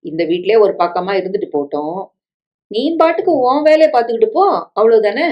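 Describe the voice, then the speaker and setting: A woman's voice: medium pitch, a little fast, close to an everyday voice. Woman reading as a coaxing guilt-tripping stepmother, middle-aged, pushy, dull lo-fi sound. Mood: pleading. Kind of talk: story reading with dialogue.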